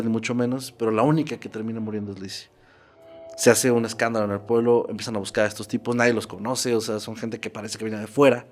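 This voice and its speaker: A man narrating a true horror story in a casual, conversational podcast style. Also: mid-range voice. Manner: conversational, checks in with "¿no?".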